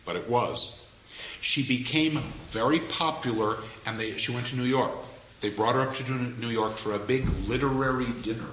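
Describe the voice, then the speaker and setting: A man's voice: medium pitch, moderate pace, fairly bright tone, a little hiss or hum. A man giving an anecdotal lecture, a wry storyteller who chuckles at his own asides. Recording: echoey, dull room recording with faint ambience.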